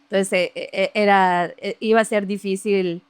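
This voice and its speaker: A woman telling a story from her childhood in casual, lively conversation, laughing often and imitating other people's voices. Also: mid-range voice, moderate pace, smooth, no echo. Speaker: podcast guest.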